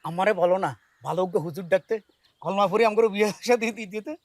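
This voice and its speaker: An actor playing an excitable, boastful newly married village man, talking fast and pleading. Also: high-pitched, no room sound.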